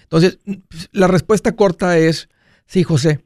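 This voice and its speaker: A man's voice: sits high, steady tone, a little slow, a little mellow, no echo, studio quality. A man hosting a call-in advice show, talking conversationally and explaining by rephrasing and repeating his points. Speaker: call-in show host and financial adviser.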